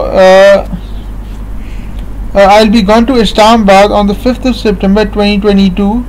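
A man's voice: high-pitched, a little mellow, a little hiss or hum, low-quality recording. A man, talking to a webcam at home in a rambling, repetitive way full of fillers. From Pakistan. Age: late 20s. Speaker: vlogger. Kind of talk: casual monologue to camera. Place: small room at home, seated in armchair indoors. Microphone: built-in webcam mic at close range.

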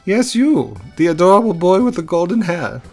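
Brash, flattering female potion seller for a video game, high-voiced, acted by a man. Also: normal speed, faint music behind, full character voice. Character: pushy, flattering woman potion shopkeeper.

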